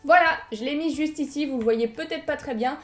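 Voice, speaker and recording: Gushing high-voiced French woman. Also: fairly quick, faint music behind. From France. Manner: enthusiastic, gushing, chatty. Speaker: collector unboxing figurines. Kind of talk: casual unboxing vlog.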